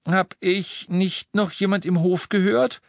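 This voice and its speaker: Ein Mann, der in einem Hörbuch eine besorgte junge Frau spricht, die gedämpft redet. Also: male voice, high-pitched, fairly even intonation, measured pace, creaky, no echo, pitched above the performer's own voice. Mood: anxious. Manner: hushed. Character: young woman, anxious, quiet.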